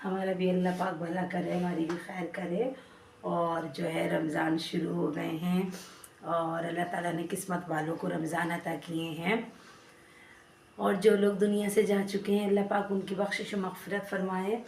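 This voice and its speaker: A woman's voice: on the low side, level tone, moderate pace, creaky, darkish tone, echoey room, far from the mic, slight background noise. A woman from Pakistan, chatting to viewers in a home vlog while she cooks in her kitchen at night. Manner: chatty, pious, talks to viewers while cooking. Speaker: vlogger. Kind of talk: casual home vlog narration.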